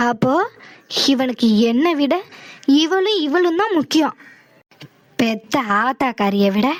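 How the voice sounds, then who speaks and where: A woman's voice: high-pitched, no room sound. A woman voicing a scheming, self-pitying old mother-in-law in a cartoon, complaining and guilt-tripping. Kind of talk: cartoon voice acting.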